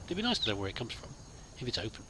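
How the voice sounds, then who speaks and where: Over faint game ambience and background noise, a man voices casual in-character roleplay while playing, rambling with polite hesitancy as a let's play host. His medium-pitched delivery is very animated and rapid-fire.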